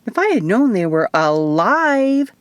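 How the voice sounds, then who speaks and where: A woman's voice: medium pitch, big pitch swings, moderate pace, darkish tone, dry recording, voice pushed up. A woman voicing a bubbly, giggly young female clone who chirps in valley-girl talk.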